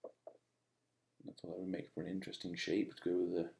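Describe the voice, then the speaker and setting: A man giving a casual, unscripted voice-over demo as a digital artist, speaking in a halting, musing way. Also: low-pitched, completely flat delivery, creaky, darkish tone, reverberant, slight background noise. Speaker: digital artist demonstrating own work.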